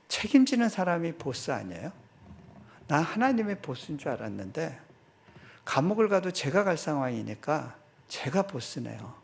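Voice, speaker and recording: A man's voice: on the high side, vocal fry. A middle-aged man, a missionary, preaching a sermon in a church and telling his own story, acting out his prayers and laughing now and then. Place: church sanctuary.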